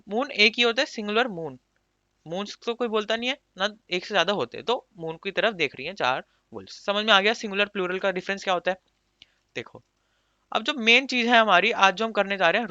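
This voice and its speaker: A man's voice: high-pitched, sharp tone, no room sound. A man teaching an exam-prep grammar lesson, repeating points and quizzing listeners with rhetorical questions. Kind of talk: English grammar lesson explained in Hindi. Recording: dull lo-fi recording.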